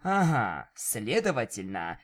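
A man voicing a brash, playful young female unicorn DJ in a fan-fiction audiobook, with quick, teasing, chattering speech. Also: fairly low pitch, very animated, a bit bright, full character voice. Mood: coaxing.

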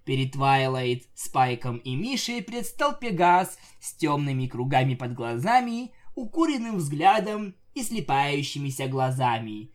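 A man narrating a comic fan fiction story with lively, jokey asides. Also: mid-range voice, a little slow, hardly any pauses. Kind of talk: comic audiobook reading.

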